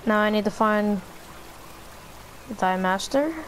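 A woman casually chatting while she plays a video game, playful and excitable, thinking out loud. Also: mid-range voice, slow, a little hiss or hum. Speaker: gameplay player. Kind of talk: casual let's play chat.

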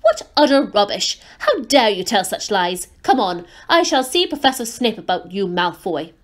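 Stern schoolmistress played by a woman reader, sharp, scolding, loud and clipped. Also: mid-range voice, sing-song, normal speed, natural voice. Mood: indignant. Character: stern older Scottish-style schoolmistress, strict and indignant.

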